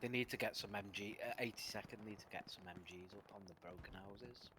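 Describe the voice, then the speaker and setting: A man's voice: lowish voice, fast talker, pushed and bright, a little hiss or hum, poor audio. A man joining a game broadcast over a group voice chat, talking casually and joking at his own expense. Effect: heard over a group voice chat. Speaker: guest co-caster.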